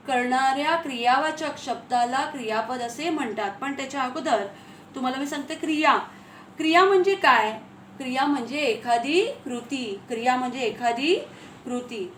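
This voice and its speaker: A woman teacher giving a grammar lesson, repeating key phrases slowly and asking her pupils questions. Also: high-pitched, a bit bright. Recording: echoey room, faint ambient noise.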